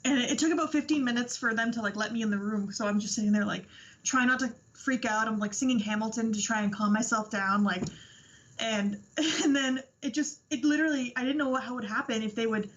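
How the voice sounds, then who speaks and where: A young woman tells a personal story in a high, breathless, gushing voice, often acting out what she said. The sound is muffled and lo-fi, like a remote interview feed. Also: a little fast. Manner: breathless, gushing, quotes herself a lot. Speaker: interview guest.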